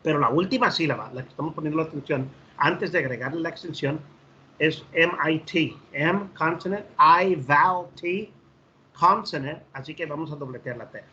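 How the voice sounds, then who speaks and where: Mexican teacher with a bright voice. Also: male voice, on the high side, normal speed. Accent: Mexican Spanish. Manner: repeats words, many fillers, switches between English and Spanish. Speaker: English teacher. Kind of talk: online English lesson, explaining grammar. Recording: slightly dull audio with faint noise.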